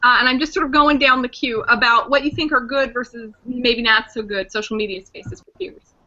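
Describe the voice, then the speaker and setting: A woman's voice: a little high, fairly even intonation, moderate pace, pushed and bright. A woman hosting an online panel discussion, summing up what her guests say and steering the talk. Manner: reflective, summarizing, directs the conversation. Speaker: host. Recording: lo-fi online call audio.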